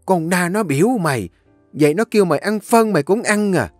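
A man's voice: fairly high pitch, sing-song, moderate pace, no room sound, soft background music, pitched above the performer's own voice. A man voicing a domineering older mistress of a rich house who scolds harshly. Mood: scolding.

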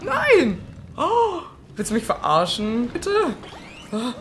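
Excitable young woman gamer, lively voice. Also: on the low side, normal speed, slight background noise. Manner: excitable, swearing, sudden shrieks. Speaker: let's play host. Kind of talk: casual gameplay commentary. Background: faint game music.

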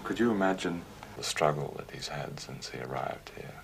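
A man with an extremely low, gravelly voice asks probing questions. He rephrases them as he goes. Faint hiss sits behind him. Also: lively intonation, moderate pace. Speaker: interviewer. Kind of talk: documentary interview.

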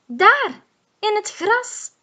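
A woman voicing an eager little boy in a children's storybook, speaking in a bouncy, excited way. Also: sits high, slow, full character voice. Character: excited little boy who loves football.

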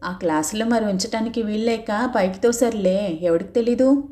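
A teasing seventeen-year-old village boy , as a woman narrator reads him, mocking one moment and coaxing the next. The voice stays mellow and close to the reader's own, as in a storybook reading. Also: mid-range voice, moderate pace, close to an everyday voice.

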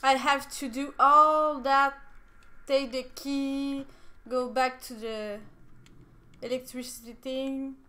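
A young French woman with a French accent, chatting excitedly while playing a game, laughing often and breaking into squeals and shouts. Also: sits high, slow. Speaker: game streamer. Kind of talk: casual gameplay commentary.

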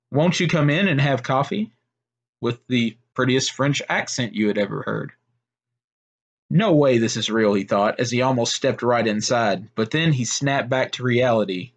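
A man narrating a made-up story in a steady, unhurried way, with small slips and restarts. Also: medium pitch.

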